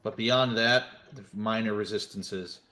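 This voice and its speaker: A grave informant, voiced by a man in a tabletop role-play, speaking in a low, level voice. He briefs the party steadily and stately, with little rise and fall, and pauses for weight. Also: steady tone, sharp tone. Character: grave male informant briefing adventurers on enemies.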